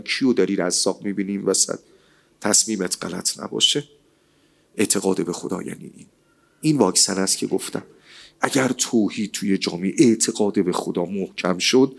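A man giving a lively, colloquial sermon, asking rhetorical questions and reciting scripture. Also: on the low side, creaky. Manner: rhetorical, animated, quotes scripture. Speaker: religious speaker.

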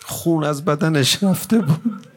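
A man's voice: on the high side, soft background music. Man in an impassioned mourning recital. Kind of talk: emotional mourning recitation to a gathering.

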